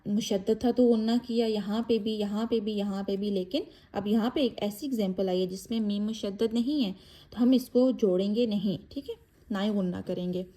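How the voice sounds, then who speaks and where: Mellow-voiced woman teaching Quran recitation. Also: mid-range voice. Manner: explains briefly then recites letters slowly with long drawn vowels; mixes English words into explanations. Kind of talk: step-by-step recitation lesson.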